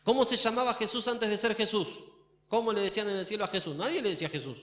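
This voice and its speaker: An Argentine pastor delivers a sermon with a high-pitched man's voice. He keeps questioning his listeners and lands hard on the key words. His voice carries an echo from the church hall around him. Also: fast talker, a bit bright. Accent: Argentine Spanish. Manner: questioning, emphatic.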